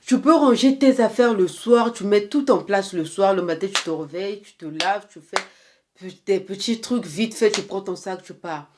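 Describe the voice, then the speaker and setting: A woman's voice: medium pitch, normal speed, noisy background. A young woman vlogger talking straight to her viewer, giving earnest, repetitive life advice with a touch of faith. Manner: faith-tinged encouragement. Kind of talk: casual motivational talk to camera.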